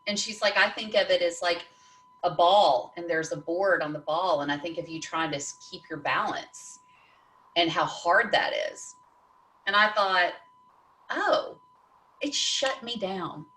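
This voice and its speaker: A woman hosting a casual conversation, telling stories in an animated way and laughing often. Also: lowish voice, normal speed, roomy sound, distant mic, poor audio. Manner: animated storytelling with frequent laughs. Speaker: podcast host.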